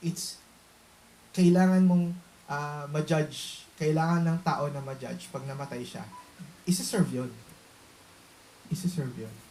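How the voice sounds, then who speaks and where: A woman's voice: fairly low pitch, slight background noise, low-quality recording. A woman preaching a sermon in mixed Tagalog and English. She speaks emphatically and keeps asking the congregation to agree. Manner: emphatic, often asks the audience to confirm. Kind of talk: Taglish sermon.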